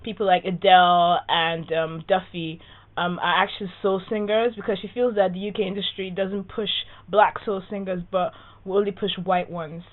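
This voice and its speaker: A woman's voice: on the low side, steady tone, normal speed. A woman co-hosting a music podcast, recounting news chattily with lots of "you know" and "um". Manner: chatty, relays news with many fillers. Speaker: podcast co-host. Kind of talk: casual music chat. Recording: narrow phone-like sound.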